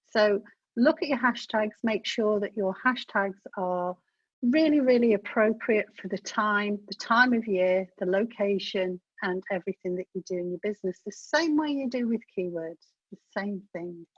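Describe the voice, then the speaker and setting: A slightly rough, mid-range female voice delivers a business webinar in a down-to-earth, conversational way, directly engaging the audience. It's an instructional presenter's talk captured in a dull, dry recording.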